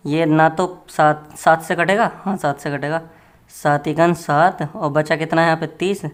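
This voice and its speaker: A man teaching a maths lesson in a casual, joking way, chatting to his students as friends while working through problems. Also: fairly high pitch. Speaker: maths tutor.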